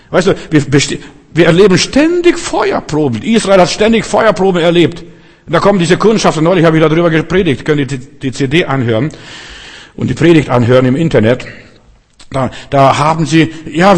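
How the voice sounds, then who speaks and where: A man's voice: a little high, big-room sound. A man preaching a sermon to his congregation, emphatic and fond of rhetorical questions, acting out quoted voices.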